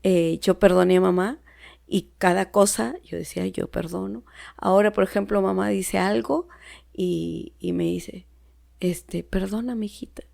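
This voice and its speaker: In casual chat on a podcast, a Peruvian Spanish-accented woman delivers a sincere personal testimony, often hushing to near-whisper. Her fairly low, creaky voice has a darkish tone, steady and unhurried.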